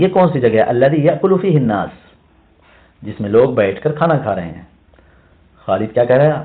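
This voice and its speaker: A male language teacher explaining a reading passage line by line, repeating words and asking himself questions. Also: mid-range voice. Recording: tinny phone-like sound.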